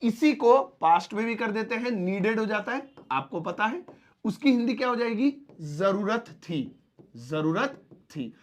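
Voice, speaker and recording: Calling his viewers friends, a man with a very high-pitched voice gives patient spoken English lessons. Each example sentence gets repeated slowly, one word at a time.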